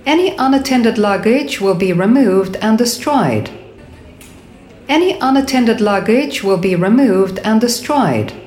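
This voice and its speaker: A woman's voice: on the high side, expressive, a little slow, a little mellow. A woman playing a formal airport announcer, giving repeated public address pages in an echoey PA sound. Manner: formal, repeats each message. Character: formal female airport announcer paging passengers.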